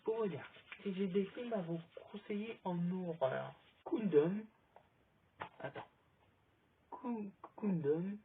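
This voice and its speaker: Filming himself on a phone outdoors in sunlight, a man rambles through a casual vlog full of chatty recommendations. His high voice comes slowly with long pauses, the phone camera gives a thin sound, and background noise is audible.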